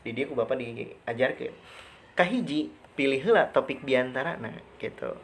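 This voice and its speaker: A man's voice: medium pitch, expressive, normal speed, slight background noise. A male teacher giving a recorded lesson over slides, who keeps asking questions and answering them himself, stretching and repeating key words for emphasis.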